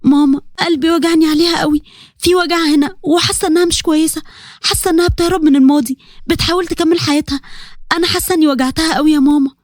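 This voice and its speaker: A woman's voice: high voice, steady tone, very fast, no room sound, studio quality, close to an everyday voice. A woman voicing a remorseful teenage girl with an Egyptian accent, tearful and pleading. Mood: grieving. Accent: Egyptian Arabic.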